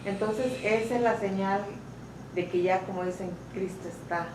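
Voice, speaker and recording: A woman's voice: mid-range voice, fairly even intonation, moderate pace, a little mellow. A woman taking part in a group Bible study, asking short questions and agreeing with the teacher. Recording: echoey room, far from mic.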